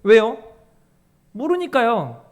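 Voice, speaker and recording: A man's voice: very high-pitched, slow pace. A male pastor delivering a Sunday sermon, speaking directly to his congregation and acting out the voices of the people in his stories. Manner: lively preaching that acts out quoted voices of congregants and the Lord.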